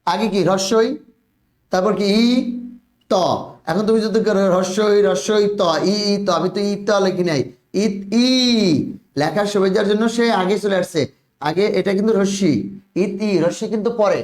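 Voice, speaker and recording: High-voiced man teaching spelling, echoey. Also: a little mellow. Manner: drills students, repeats words, urges quick answers. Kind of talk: online spelling lesson.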